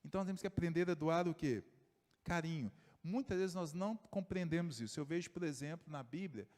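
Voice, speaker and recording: A man preaching a sermon as pastor, telling stories and dropping his voice low and soft for the people he quotes. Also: a little fast. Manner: storytelling, voice drops low and soft for quoted figures. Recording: long church reverb.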